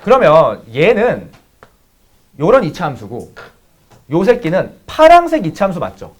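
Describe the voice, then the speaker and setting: A man's voice: sits high, wildly swooping pitch, a little slow. A man teaching math to students, mixing a blunt, profanity-laden personal story into a casual lecture. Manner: blunt, swears freely, talks straight to students.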